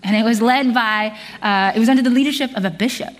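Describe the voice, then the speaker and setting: Speaking earnestly and at a measured pace, a South Korean-born woman in middle age delivers a sermon to a congregation. Her pitch is on the high side, and she uses occasional fillers and restarts.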